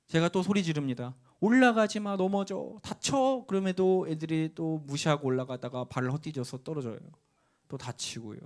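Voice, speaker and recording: Man, middle-aged, pastor, sermon, slightly high voice, dramatic storytelling, acts out quotes, church. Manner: storytelling, acting out quoted voices with sudden shouts and hushed asides. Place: church sanctuary.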